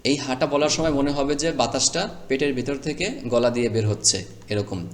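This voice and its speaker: A man's voice: mid-range voice, fairly quick. A man teaching Quran reading over a screen recording, explaining rules patiently step by step and sounding out letters one at a time.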